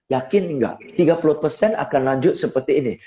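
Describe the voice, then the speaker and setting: Lively man coaching over a video call. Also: a little high, a little fast, lo-fi sound. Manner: lively, rhetorical, asks listeners to agree. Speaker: seminar speaker and sales coach. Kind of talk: live online talk. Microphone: phone on a tripod.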